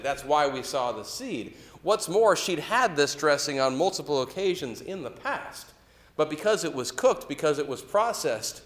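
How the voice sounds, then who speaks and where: A man's voice: on the high side, echoey room. A middle-aged man telling a story in a sermon, talking conversationally and asking the listeners questions. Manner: conversational, asks the listeners questions, grows loud when quoting anger. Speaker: preacher.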